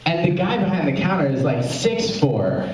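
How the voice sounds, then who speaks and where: At a small club's open mic, a young man from Memphis, Tennessee, US, does rambling stand-up for a live audience, stopping mid-joke and cracking up at his own lines. He speaks at a fairly high pitch, very animated, at a moderate pace. A crowd can be heard, and the very echoey audio comes from far away.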